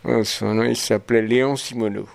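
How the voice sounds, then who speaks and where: A photographer from Martinique in his seventies answers interview questions as a guest, with many hesitations and restarts. His mid-range voice is gravelly and brisk, with fairly even intonation.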